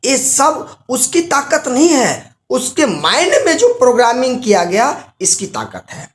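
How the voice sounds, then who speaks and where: A man's voice: very high voice, sing-song, unhurried, echoey room. A man giving a live motivational seminar talk, quizzing the audience with rhetorical questions and telling stories with acted-out examples. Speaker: motivational business trainer.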